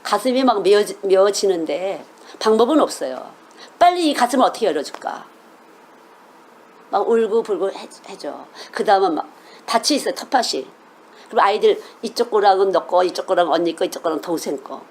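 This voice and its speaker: A woman's voice: medium pitch, expressive, fairly quick, darkish tone. A middle-aged woman preaching a sermon as a children's missionary, earnest and emphatic, often asking her listeners questions.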